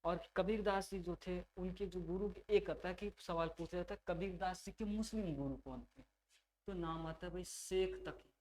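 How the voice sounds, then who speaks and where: A man's voice: high-pitched, normal speed, slight background noise. A male teacher, giving a conversational exam-prep lecture and repeating key names for his students.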